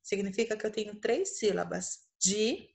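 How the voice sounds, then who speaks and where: Patient Brazilian woman teaching children. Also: on the high side. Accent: Brazilian Portuguese. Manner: patient, explains slowly, checks in with "tá?" often. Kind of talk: recorded online lesson for children.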